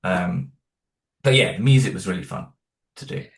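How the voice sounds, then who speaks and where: A man with a low voice and vocal fry, at a moderate pace, chats in an easygoing interview about producing music and sound for his audio drama. He meanders, restarting often and leaning on fillers, with a self-deprecating manner.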